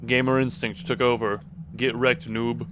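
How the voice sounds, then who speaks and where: A man live streaming a game chats casually with viewers, rambling and exclaiming while often restarting and rephrasing his sentences. His medium-pitched voice has a level tone and measured pace, with a noisy background.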